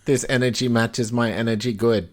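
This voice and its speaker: A man co-hosting a casual podcast, joking around by talking in a flat, stiff robot voice. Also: medium pitch, normal speed. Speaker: podcast co-host.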